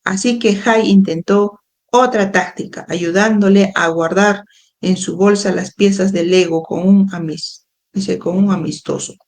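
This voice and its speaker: A woman hosting a live book club, reading a book aloud and pausing for frequent explanatory asides to her listeners. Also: medium pitch, fairly even intonation, a little mellow. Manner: reads slowly, adds frequent explanatory asides. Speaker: educator and book club host. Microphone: phone or webcam livestream.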